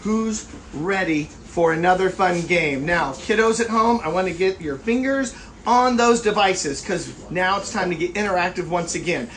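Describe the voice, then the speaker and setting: A woman's voice: lowish voice, moderate pace. A woman hosting a live children's animal show, upbeat and jokey, cracking playful gags between segments. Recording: distant mic with faint background noise.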